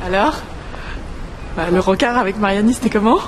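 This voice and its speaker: An actress playing a nosy teacher colleague eager for gossip. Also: female voice, medium pitch, fairly quick, close to an everyday voice. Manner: eager, prying. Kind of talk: sitcom sketch acting. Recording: loud background noise.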